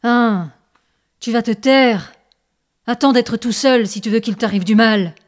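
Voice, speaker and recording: A woman's voice: on the high side, measured pace, lightly acted. A woman voicing a placid but fearful male miner who scolds his crew. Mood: anxious.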